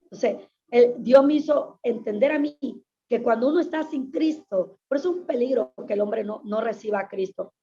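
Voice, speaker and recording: A woman's voice: fairly high pitch, normal speed, dark tone. A woman pastor giving an earnest, emphatic personal testimony in an interview, often repeating her phrases. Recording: dull lo-fi sound.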